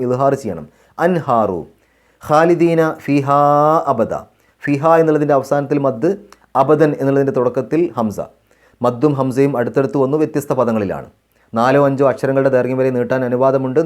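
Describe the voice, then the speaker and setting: A male Quran teacher from Kerala. He chants verses slowly and melodically, then explains recitation rules calmly step by step, repeating phrases to model the pronunciation. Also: medium pitch. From Kerala, India. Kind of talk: tajweed recitation lesson.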